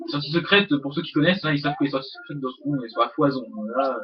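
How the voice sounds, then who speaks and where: A man's voice: fairly high pitch, fast. Rambling young man narrating gameplay. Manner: rambling, hesitant, swears at the game. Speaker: let's play host. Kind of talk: casual gameplay commentary. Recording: dull lo-fi mic with game music.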